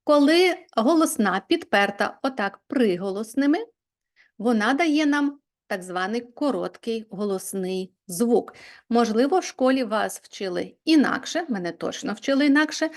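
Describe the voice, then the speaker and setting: A woman teaching English spelling in a video lesson, explaining patiently step by step and reading example words aloud. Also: on the high side.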